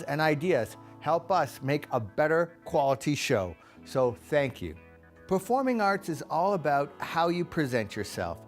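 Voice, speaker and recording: A man hosting a TV talk show, presenting in a scripted, upbeat way and then asking questions more casually. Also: on the high side. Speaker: show host. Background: faint background music.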